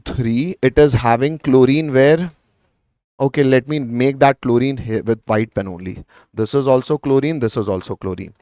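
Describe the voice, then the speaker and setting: A man's voice: mid-range voice, a little mellow, no echo, studio quality. A man with an Indian accent teaching chemistry in a live online exam lesson, explaining conversationally, addressing students as beta and mixing some Hindi into his English.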